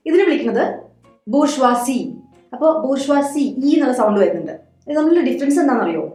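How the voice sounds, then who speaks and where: A woman teaching English pronunciation, patiently repeating each word slowly. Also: high-pitched, echoey room. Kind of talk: Malayalam-language English pronunciation lesson.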